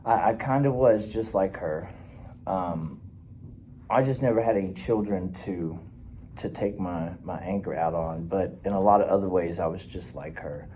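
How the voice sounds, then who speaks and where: A man playing a troubled fifty-one-year-old client sent by the court in a counseling role-play, talking in a hesitant, halting, earnest way. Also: deep voice, dark tone, slight background noise, lightly acted, poor audio. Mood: subdued.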